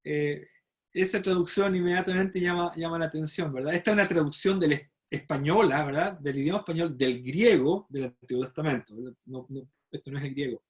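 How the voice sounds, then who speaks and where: Man, slightly high voice, Bible study teacher, explanatory lecture, checks in with listeners. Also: fairly quick. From Chile. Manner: explanatory, frequent "¿verdad?" tag questions and fillers.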